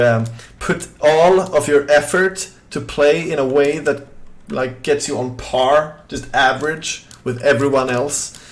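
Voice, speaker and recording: Slow-talking Swedish man streaming a game. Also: on the high side. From Sweden. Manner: rambling, reads chat aloud, many fillers. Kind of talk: casual live-stream chat.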